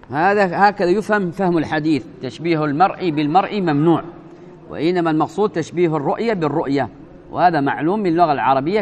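A man giving a religious lesson, speaking deliberately, repeating words, spelling out pronunciations and asking the listeners rhetorical questions. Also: fairly high pitch, slight background noise. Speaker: religious teacher. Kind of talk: religious lesson explaining a hadith.

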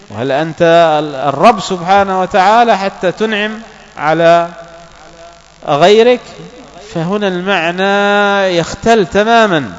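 Man, religious lesson, slightly high voice, deliberate letter-by-letter stress, long reverb, dull lo-fi hum. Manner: slow, deliberate, stresses letters when correcting pronunciation. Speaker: Islamic scholar teaching Quran recitation.

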